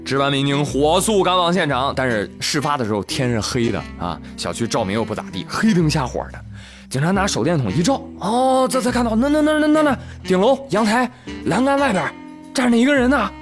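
Guy doing a comedy news show, high voice swooping all over, music playing under it. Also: a little fast. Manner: animated storytelling, acts out every character in quotes; laughs often while talking. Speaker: talk show host. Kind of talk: comic news talk show.

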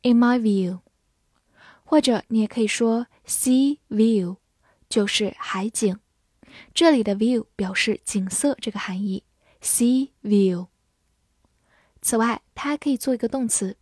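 A young woman teaching English vocabulary, spelling words out letter by letter and reading example sentences slowly. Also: fairly high pitch, husky, no room sound, clean studio sound. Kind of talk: scripted vocabulary lesson.

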